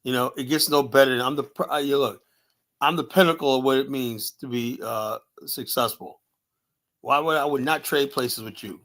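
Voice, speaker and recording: A man's voice: mid-range voice, fairly even intonation, normal speed, fairly bright tone. A man hosting a live stream, talking bluntly and profanely, arguing, with many "you know" fillers. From United States. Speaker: host. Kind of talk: combative live-stream commentary.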